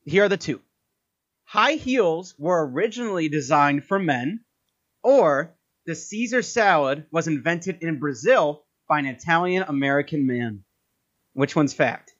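A man's voice: on the high side, lively intonation, measured pace, fairly bright tone, dull audio. A man hosting a casual podcast quiz game, upbeat and teasing, often laughing.

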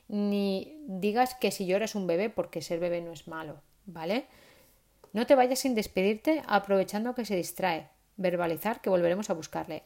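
A woman's voice: lowish voice, vocal fry, a little mellow. A woman, giving parenting advice in a casual, chatty monologue with frequent "¿vale?" tags. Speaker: parenting vlogger.

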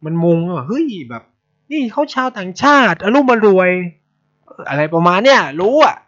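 A man's voice: high-pitched, moderate pace. Thai guy ranting casually on a podcast, swears a ton, dull lo-fi recording. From Thailand. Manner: blunt, swears a lot, animated. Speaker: podcast host. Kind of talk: casual storytelling chat. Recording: dull lo-fi sound.

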